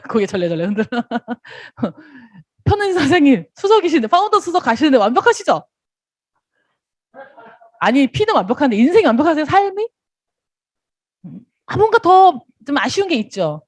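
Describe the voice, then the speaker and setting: A woman's voice: high voice, very animated, normal speed, no echo. A woman giving a motivational business seminar, acting out little dialogues and laughing often.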